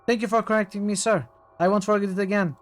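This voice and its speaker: A man's voice: sits high, steady tone, fast, voice pushed up, close to an everyday voice. A man voicing a polite, deferential young male cadet who speaks formally, like a butler, and keeps calling others sir. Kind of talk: voicing a character while playing a video game.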